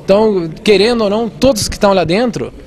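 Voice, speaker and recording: As a guest in an interview, this civic watchdog spokesman, who grew up in Argentina, lays out how civic oversight works with earnest care. His high-sitting, darkish voice runs at a quick pace, peppered with fillers and false starts.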